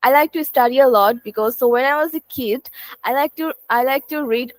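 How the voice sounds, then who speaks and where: Woman, student, halting and unsure, dry close sound. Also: a little high, no echo. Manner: hesitant, many fillers and restarts. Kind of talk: speaking test practice.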